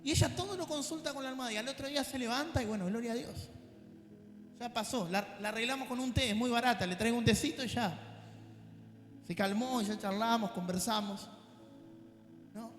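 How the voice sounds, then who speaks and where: A male pastor with a Rioplatense accent preaching a sermon, animated and dropping joking asides to the congregation. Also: very high-pitched, brisk, long pauses. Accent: Rioplatense Spanish. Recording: echoey church hall with faint music.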